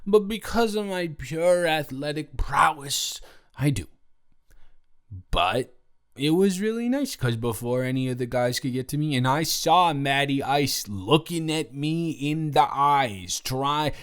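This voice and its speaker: A young man with a slightly high, clear and resonant voice plays a playful drunk college roommate in an intimate audio roleplay. Animated but a little slow, he rambles chattily, slurs, jokes and repeats himself.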